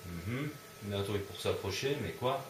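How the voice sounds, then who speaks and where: A man's voice: lowish voice, animated, moderate pace, roomy sound, a little hiss or hum. Grumbling man swearing through a game. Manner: swears often, grumbling and easily annoyed. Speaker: gamer doing a let's play. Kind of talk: casual gameplay commentary.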